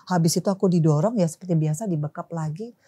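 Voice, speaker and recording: A woman's voice: lowish voice, fast, mellow, breathy edge. A woman guest in a casual interview, telling a personal story in colloquial speech and acting out quarrels in quoted voices. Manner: colloquial, mixes in slang and English words.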